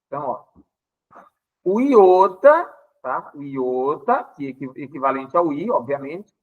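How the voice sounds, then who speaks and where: Man with a Pará accent, high voice, teaching a Bible lesson with constant "tá?" check-ins and playful exasperation. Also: a little slow, highs cut off. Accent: Paraense Brazilian Portuguese. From Pará, Brazil. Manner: explanatory, with frequent "tá?" check-ins; lively, acting out dialogue with playful exasperation. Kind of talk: Bible lesson explaining Greek words.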